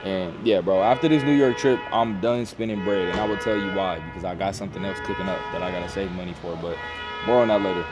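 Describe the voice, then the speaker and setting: A man's voice: low-pitched, quick pace. Laid-back young man vlogging, slangy. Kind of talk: casual vlog talk to camera. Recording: background music throughout.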